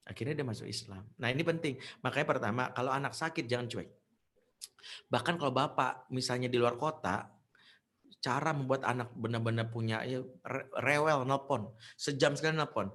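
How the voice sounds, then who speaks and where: A man preaching to parents in an animated storytelling style, acting out the voices of the people in his stories. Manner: animated storytelling, acts out quoted voices with big pitch jumps. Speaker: Islamic preacher. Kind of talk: parenting sermon with acted anecdotes.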